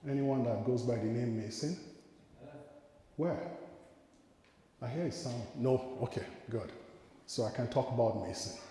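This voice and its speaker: A man's voice: mid-range voice, measured pace, long pauses, dark tone. A man, a priest, telling a story during a homily and speaking conversationally to his congregation with asides and questions. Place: large church. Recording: echoey church hall.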